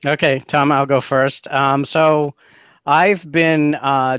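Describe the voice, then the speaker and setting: A man speaking as a guest professor, measured and steady with fillers. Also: mid-range voice, clean tone, dry recording, lo-fi sound. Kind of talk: interview self-introduction.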